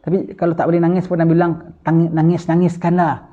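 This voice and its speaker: A man giving a gentle, repetitive sermon and prayer as a religious teacher, mixing in English words and Arabic recitation. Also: a little high, monotone, rapid-fire. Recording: tinny phone-like online recording.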